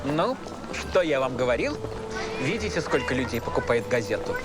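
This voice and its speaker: An actor playing a courtly, obsequious newspaper editor in a period detective series. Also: male voice, medium pitch, very animated, moderate pace, natural voice. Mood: flattering. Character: flattering, deferential newspaper editor of tsarist times. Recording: loud music over street scene.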